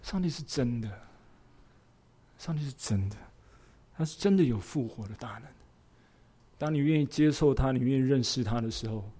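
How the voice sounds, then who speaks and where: Male pastor preaching, earnest and expressive storytelling, mid pitch. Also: normal speed, long pauses, breathy edge. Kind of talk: sermon with personal storytelling.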